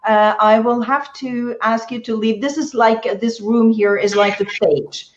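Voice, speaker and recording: Slow, hesitant woman moderating online. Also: fairly high pitch, steady tone, slight background noise. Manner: hesitant, many fillers. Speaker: event moderator. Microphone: video call. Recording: roomy, dull lo-fi online call.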